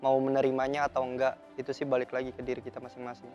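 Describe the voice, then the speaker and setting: A young man in his twenties gives his view in a flat, matter-of-fact way. The recording sounds dull and lo-fi, with faint music underneath. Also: medium pitch, racing. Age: 20s. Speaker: student participant.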